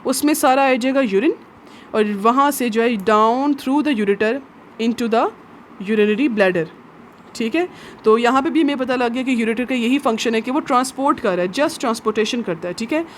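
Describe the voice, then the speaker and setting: A woman's voice: a little high, moderate pace, a little hiss or hum. A woman teaching biology from labelled diagrams, patiently asking questions and answering them herself. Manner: patient and repetitive, asks a question then answers it, often adds "theek hai". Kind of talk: explaining labelled diagrams in a lesson.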